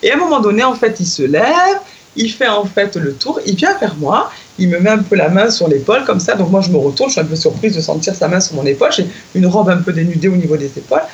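A middle-aged woman recounting a memory in a relaxed conversation. She gets excitable, laughs easily and leaps up in pitch when she acts out what people said. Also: quick pace, dull audio, a little hiss or hum. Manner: excitable, laughs often, lively acted-out quotes. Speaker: guest telling a personal story. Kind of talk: casual storytelling chat.

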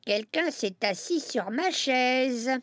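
A man's voice: extremely high pitch, expressive, slow pace, background noise, voice pushed up, heavily acted. A man voicing a mother bear with a medium, matter-of-fact voice. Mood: plain. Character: calm middling mother bear.

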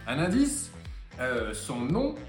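Male hiking coach vlogger, friendly and enthusiastic, slightly high voice, echoey room. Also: expressive, moderate pace, a little mellow, soft background music. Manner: enthusiastic, chatty, addresses viewers as friends. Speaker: hiking coach and channel host. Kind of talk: casual promotional vlog talk.

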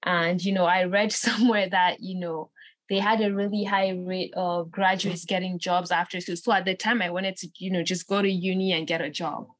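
Young woman from Nigeria, interview guest; low, dry, chatty, full of "you know". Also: normal speed, no room sound. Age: 20s. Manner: relaxed, many fillers like "you know". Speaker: entrepreneur guest. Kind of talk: casual interview answers.

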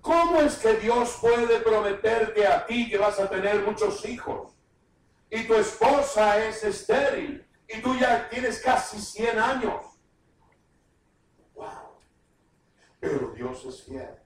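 A man preaching a fervent sermon, reading scripture aloud and breaking into shouted emphasis. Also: high-pitched, lively intonation, slow pace, a little hiss or hum. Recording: echoey room, voice from far off the mic.

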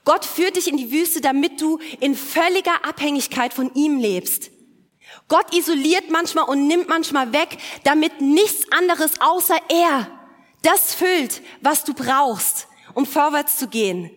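A woman delivers a sermon in a high voice, pressing each point with repetition and emphasis. Her words ring out with a long hall reverb behind them, as in a church sanctuary. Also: unhurried, fairly bright tone. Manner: emphatic preaching with repeated phrases and occasional restarts. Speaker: preacher.

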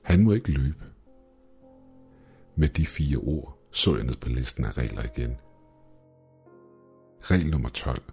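A man narrating a first-person horror story in a measured, steady way. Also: a bass voice. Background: faint background music.

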